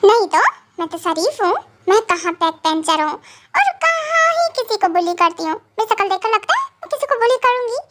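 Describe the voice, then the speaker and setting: A woman's voice: extremely high pitch, very animated, moderate pace, fairly bright tone, exaggerated voice. A woman voicing a cheeky young wife who calls herself a back-bencher, playful and teasing, in a fan audio drama.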